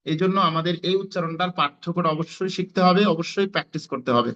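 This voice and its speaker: A man teaches Quran pronunciation, pausing on fillers and sounding out letters again and again. His voice sits a little high and rings bright and forceful. The audio is dull and lo-fi. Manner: repeats letter sounds for students to copy, many fillers. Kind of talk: online Quran pronunciation class.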